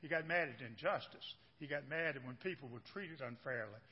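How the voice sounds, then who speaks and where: A man's voice: medium pitch, brisk, husky. A man preaching a sermon to his church, folksy and repetitive, often asking the room questions. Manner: folksy, repeats phrases, asks the crowd questions. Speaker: pastor. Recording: dull, echoey church hall recording.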